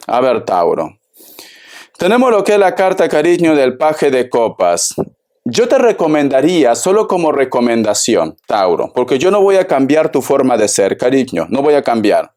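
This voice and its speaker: A man's voice: mid-range voice, a little mellow. A man from Peru, giving a casual, theatrical tarot reading and constantly calling the listener darling. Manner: chatty, keeps calling the listener darling and bison; theatrical, acts out imagined clients. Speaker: tarot reader.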